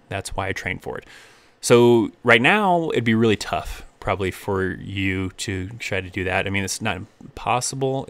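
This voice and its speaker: A man's voice: lowish voice, fairly bright tone, smooth, dry recording. A young man hosting a casual live-stream Q&A, reading viewer questions aloud and rambling through answers with easy laughs.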